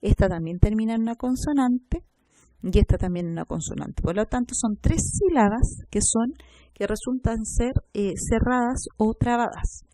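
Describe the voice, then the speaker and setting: A woman giving a recorded lecture, explaining step by step, sounding out example words slowly and checking with short tag questions. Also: fairly high pitch, dark tone, dry recording. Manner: spells out syllables slowly. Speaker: teacher.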